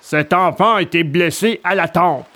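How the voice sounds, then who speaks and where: A man's voice: sits high, normal speed, sharp tone. A man voicing a stern adult gendarme who interrogates and gives curt military orders, in a storybook reading.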